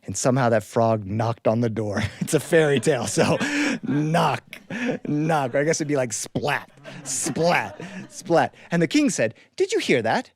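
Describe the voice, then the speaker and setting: A man telling a fairy tale in a lively, animated style, with spoken sound effects. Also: medium pitch, unhurried, no echo. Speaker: storyteller. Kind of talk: animated storytelling performance.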